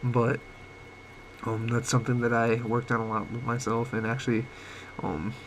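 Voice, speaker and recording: Sick and hoarse, this young man speaks at medium pitch in a completely flat delivery, his voice breaking at times during a late-night vlog chat. He wanders and stalls, full of fillers and false starts, and the low-quality home mic recording carries uneven volume and a light hiss.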